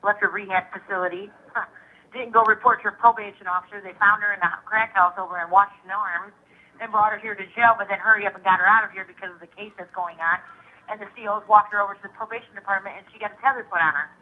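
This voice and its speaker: A woman's voice: mid-range voice, steady tone. A woman calling in from jail, talking over a prison phone line in a casual, loose way that trails off. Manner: talks fast and loosely, trailing off. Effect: heard over a prison phone line.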